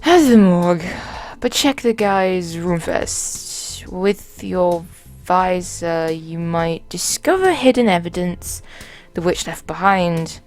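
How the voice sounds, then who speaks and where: A boozy old-school chief inspector, put on by a woman drags out his words in a slow, slurred drawl. He stays gruff and unbothered in this point-and-click detective game. Soft music sits faintly underneath. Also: fairly low pitch, expressive. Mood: slurring.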